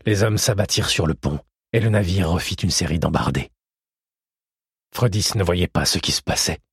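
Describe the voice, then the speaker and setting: A man narrating a historical adventure audiobook in a steady, measured storytelling manner. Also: sits low, breathy edge, dry recording, clean studio sound. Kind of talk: scripted narration.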